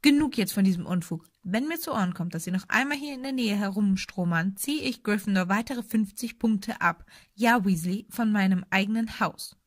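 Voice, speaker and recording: A woman's voice: mid-range voice, normal speed, few pauses, dry recording, studio quality, close to an everyday voice. A woman voicing a stern, cool older female professor who talks in a clipped, brusque way. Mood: furious.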